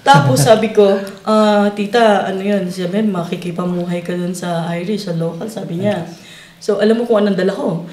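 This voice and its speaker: A woman's voice: medium pitch, moderate pace, a little mellow, roomy sound, slight background noise. A woman in her fifties from the Philippines, a guest telling stories in a casual interview and often laughing as she talks. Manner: chatty, often laughing while recounting. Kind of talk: casual storytelling chat.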